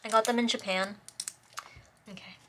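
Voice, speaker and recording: Young female vlogger, casual narration, medium pitch, clear background noise and rustling. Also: steady tone, moderate pace, sharp tone. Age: young adult.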